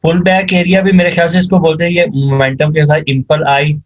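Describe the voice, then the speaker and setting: A man's voice: fairly high pitch, level tone, fairly quick, highs cut off. Hesitant male student on a call. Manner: hesitant answers with fillers, polite agreement. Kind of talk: live online class.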